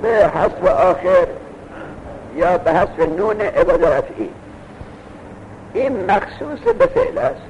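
Gravelly man lecturing with lively pitch. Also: pauses often. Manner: lively lecturing, rhetorical questions, reads texts aloud. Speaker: teacher. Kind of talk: classroom lecture on Arabic grammar. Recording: dull lo-fi recording with faint noise.

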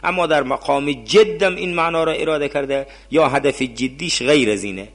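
A man's voice: a little high, fairly bright tone. A man teaching a class. He reads out Arabic phrases, explains them in Persian and puts questions to his students. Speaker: seminary teacher.

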